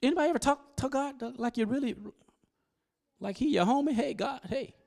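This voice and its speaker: A man preaching a sermon, quizzing his congregation and building up to loud exhortation. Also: very high-pitched, a little fast. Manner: call-and-response with the congregation; animated, rising to loud exhortation. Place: church service.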